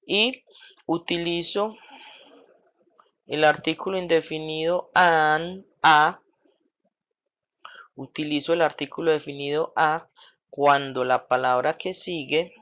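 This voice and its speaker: A man teaching English grammar in Spanish, who says each English example slowly and often checks with "¿sí?" and "¿cierto?". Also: a little high, a bit bright. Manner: checks understanding with frequent "¿sí?" and "¿cierto?". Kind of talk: slow classroom explanation of grammar.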